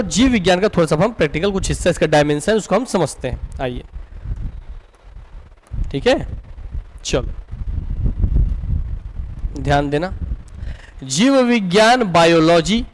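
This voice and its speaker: Guy teaching a class, chhattisgarh hindi accent, keeps asking "what'll you say?" and answering, high voice, bit of background hum. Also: expressive, moderate pace, long pauses. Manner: drills students with repeated questions and answers. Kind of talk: classroom lecture. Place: coaching classroom.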